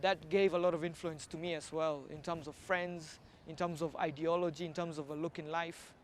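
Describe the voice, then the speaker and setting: A Kenyan man with a fairly high, steady voice speaks at a moderate pace, with slight hiss or hum on the recording. He is a street artist in a documentary, talking casually and reflectively during an interview and walk-along, often repeating words for emphasis.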